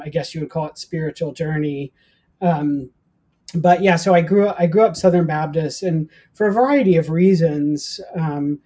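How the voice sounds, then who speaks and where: An American man in his forties, a professor of ancient Christianity, speaks casually as an interview guest, sharing personal anecdotes in a self-deprecating way. His voice is fairly high-pitched with a dark tone.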